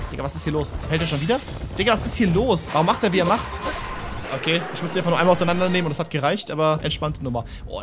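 A young man streaming a game, swearing in frustration and talking to his chat. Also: on the high side. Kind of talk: gaming commentary.

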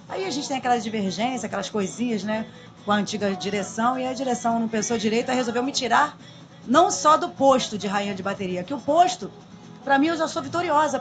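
A woman, talking in a lively, chatty way as a guest in a small radio studio. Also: fairly high pitch. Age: 40s. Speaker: samba school drum queen guest. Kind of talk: casual radio interview. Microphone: studio boom mic.

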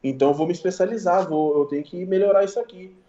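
A man's voice: high voice, fast talker, reverberant, muffled recording. A man, a guest barber, telling stories in slangy casual chat. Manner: relaxed slangy storytelling, sound-effect words. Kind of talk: casual storytelling in a podcast chat.

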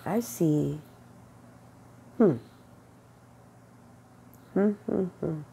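A middle-aged woman vlogging about her faith speaks with a fairly low, mellow voice, rough and sniffling from a cold, and a little hiss or hum is audible. She is earnest and unhurried, quoting God in conversation. She sits indoors in a bedroom with a bright window, recorded by a wired earbud mic in webcam close-up.

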